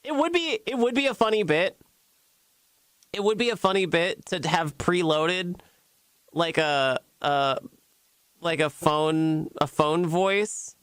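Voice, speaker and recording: A man's voice: a little high, animated, fairly bright tone, clear, resonant tone, no echo. Chatty man streamer with a dry close sound. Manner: rambling, halting, laughs often. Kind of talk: casual stream chat.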